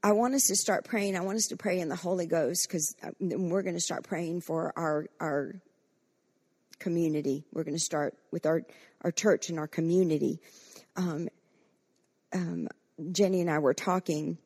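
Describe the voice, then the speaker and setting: A woman's voice: lowish voice, steady tone, normal speed, a little mellow, breathy edge. A woman pastor preaching a fervent sermon and leading corporate prayer, acting out quoted voices with frequent restarts.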